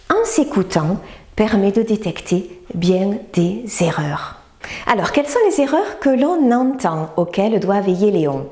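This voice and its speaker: A woman teacher narrating a scripted lesson, speaking clearly and deliberately and breaking words into separate sounds. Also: medium pitch, warm tone, reverberant. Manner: clear, deliberate, syllable-by-syllable demonstrations.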